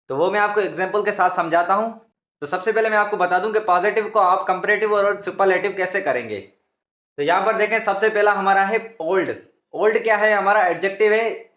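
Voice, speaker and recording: A man's voice: high-pitched, fairly bright tone, reverberant. A man teaching English grammar in a patient, repetitive lesson, often calling his viewers students. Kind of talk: explanatory classroom lesson.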